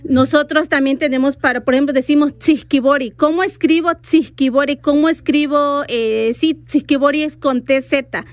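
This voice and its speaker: A woman's voice: sits high, normal speed, hardly any pauses, no echo. A woman whose first language is Zoque, a radio guest patiently explaining her language and spelling words out. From Veracruz, Mexico. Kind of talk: radio interview, explaining writing rules.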